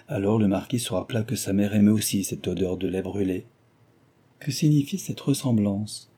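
A male audiobook narrator reading a classic novel in a measured, expressive way. His voice is low and very dark, with a husky, slightly breathy grain. The delivery stays even and storytelling-paced.

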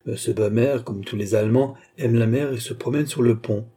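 A man's voice: medium pitch, normal speed, mellow, slightly rough, close to an everyday voice. A man voicing a scheming swindler who lays out his plots with mocking confidence. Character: cunning, sardonic male swindler.

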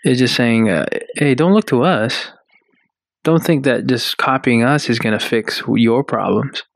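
A man co-hosting a radio talk show at a studio mic, with a dry, close sound. He chats casually and reads article passages aloud in a halting way, with plenty of fillers. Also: mid-range voice, gravelly, no room sound. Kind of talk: casual chat.

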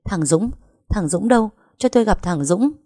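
Một người phụ nữ đọc truyện lồng tiếng một bà mẹ lớn tuổi đang hoảng loạn, gào hỏi dồn dập. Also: female voice, medium pitch, fairly quick, mellow, dry recording, studio quality, voice pushed up, lightly acted. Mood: frantic. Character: frantic older mother, shrill and desperate.

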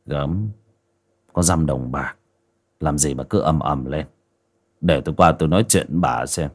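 A man voicing a cruel grown son who mutters and growls his threats low. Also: normal speed. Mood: menacing.

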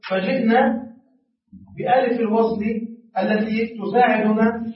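A man teaching a grammar class, asking his students questions and then answering them himself. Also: extremely high pitch. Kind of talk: classroom lesson. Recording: echoey classroom from far off, dull.

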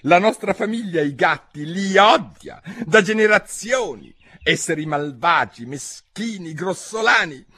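A man voicing a tiny, easily offended male mouse with a shrill, squeaky, trembling voice in a storybook reading. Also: animated, a little slow, pushed and bright, breathy edge, heavily acted. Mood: outraged. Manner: trembling, indignant outbursts.

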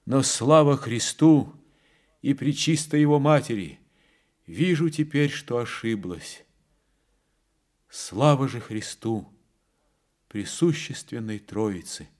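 A man's voice: medium pitch, animated, takes it slowly, pauses often, darkish tone, pitched above the performer's own voice. A man voicing an older abbess of a convent, speaking solemnly and devoutly in an audiobook. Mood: relieved. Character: stern, fearful older abbess woman.

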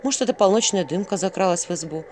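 A narrator reading a fairy tale audiobook in an expressive storytelling manner. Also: mid-range voice, fast talker, slight background noise.

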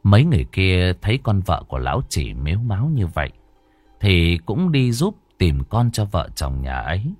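A man's voice: low-pitched, sing-song, normal speed, a little mellow, no room sound. A man narrating a ghost story with a dramatic delivery.

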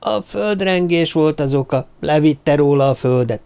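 A man voicing a nervous, hushed little dwarf man who brings bad news, in an audiobook. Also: fairly high pitch, animated, gravelly, clean tone. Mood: worried. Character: anxious little dwarf man, the group's talker. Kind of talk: audiobook character voice.

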